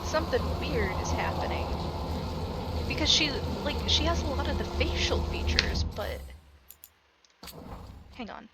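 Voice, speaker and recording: Excitable, slightly hoarse woman gaming. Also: high voice, unhurried, pauses often, heavy background noise. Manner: chatty, excitable, apologetic. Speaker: let's play streamer. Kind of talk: casual gameplay commentary. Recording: voice over game music.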